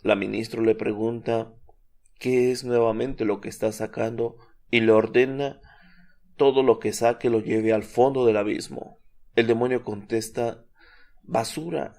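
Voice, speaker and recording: A man giving a measured, solemn scripted narration of a religious account. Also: mid-range voice, level tone, dark tone.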